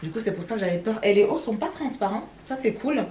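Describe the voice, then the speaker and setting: Young woman from cameroon, french accent, rambly casual vlog chat, mid pitch, a bit of room hum. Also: animated, fast talker, mellow. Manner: chatty, rambling, many fillers. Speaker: vlogger.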